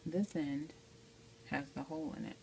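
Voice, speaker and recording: In a low-quality phone recording with slight background noise, a woman with a deep, dark voice speaks in a steady tone at a measured pace. As an amateur how-to video maker, she guides viewers informally through each step at the stove in her home kitchen, often checking in with them, while holding the phone behind the camera.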